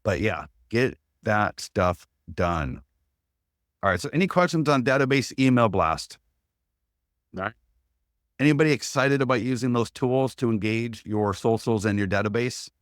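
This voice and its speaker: A man's voice: fairly low pitch, expressive, normal speed, no room sound, clean studio sound. A man presenting an instructional webinar, walking through steps as a checklist in an upbeat, practical way.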